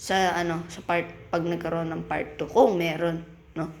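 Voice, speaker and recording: A man with a Filipino accent hosting a gaming channel, giving excitable casual commentary as he plays and exclaiming when things go wrong. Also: on the high side, moderate pace, creaky, slight background noise. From Philippines. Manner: excitable, yelps and exclaims while playing.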